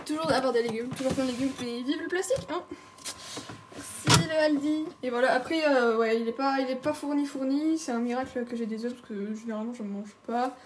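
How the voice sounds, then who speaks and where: A woman's voice: high-pitched, fairly quick. A young woman from France, a student talking casually and candidly about daily life. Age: young adult. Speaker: student looking for work. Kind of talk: casual, candid documentary talk. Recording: background noise, public bustle.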